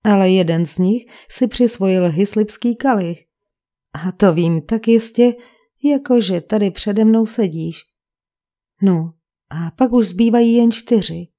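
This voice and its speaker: A woman's voice: mid-range voice, warm tone, lightly acted. A woman voicing a pedantic sarcastic vicar. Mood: precise, sarcastic. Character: fussy, sarcastic middle-aged male English village vicar.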